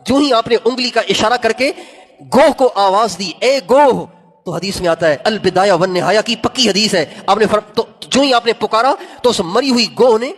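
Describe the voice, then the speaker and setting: A man preaching a sermon through stories, repeating phrases for emphasis and chanting Arabic quotations slowly. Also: high-pitched, fairly bright tone, soft background music. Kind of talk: sermon storytelling. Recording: long hall reverb.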